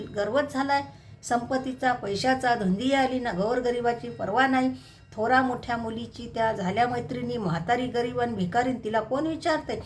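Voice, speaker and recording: A woman's voice: a little high, slight background noise, natural voice. A woman reading aloud and voicing an angry old beggar woman, a goddess in disguise, in a scolding tone. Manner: bitter, scolding.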